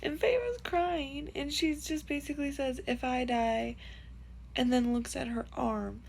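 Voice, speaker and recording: Gushing woman with a gravelly edge. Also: sits high, unhurried, darkish tone, slight background noise. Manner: gushing, emotional, lots of "like" and "literally". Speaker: book reviewer. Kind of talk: casual vlog chat.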